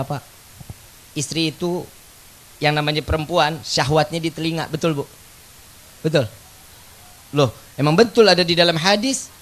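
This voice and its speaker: Male preacher, joking sermon, shouts questions to the crowd. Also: fairly high pitch. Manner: joking, loud call-and-response with the crowd. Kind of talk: humorous religious sermon. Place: outdoor religious gathering.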